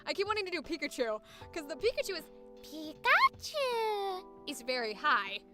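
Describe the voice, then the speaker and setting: A young woman with a high-pitched, sing-song voice chats casually on a live stream about voice acting, which is her work, at a moderate pace. Every so often she tries out squeaky character voices, with music playing in the background.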